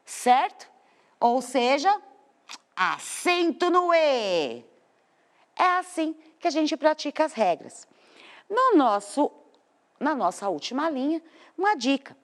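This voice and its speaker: Slow, lively Brazilian woman teaching. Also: sits high. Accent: Brazilian Portuguese. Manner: slow, patient explaining with drawn-out stressed words. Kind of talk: classroom lesson for children. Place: studio.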